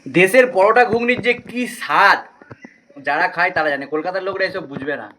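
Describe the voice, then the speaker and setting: A young man from West Bengal chats casually in a daily-life vlog shot on a handheld phone at his village home, partly outdoors in the rain, coaxing his little daughter along. His voice is high-pitched and sharp at a moderate pace, with a slight hiss or hum.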